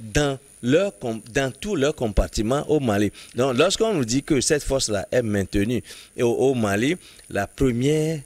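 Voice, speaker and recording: Halting, emphatic man in a dry studio. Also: mid-range voice, expressive, darkish tone, no echo. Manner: halting, restarts words while building an argument; emphatic, insistent reasoning. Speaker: political commentator. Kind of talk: studio political debate.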